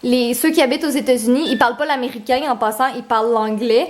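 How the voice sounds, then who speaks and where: A woman's voice: on the high side, steady tone, fast talker. A woman in her twenties from Quebec with a Québécois accent, chatting and telling stories in a giggly casual vlog manner. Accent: Québécois French. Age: 20s. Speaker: vlogger.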